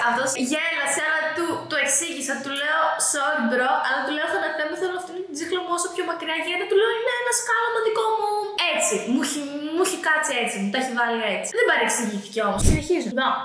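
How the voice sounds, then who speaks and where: A woman's voice: sits high, bright, forceful tone. A young woman from Greece casually telling funny stories to camera as a vlogger, chatty and laughing, swearing casually. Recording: very echoey room with faint noise.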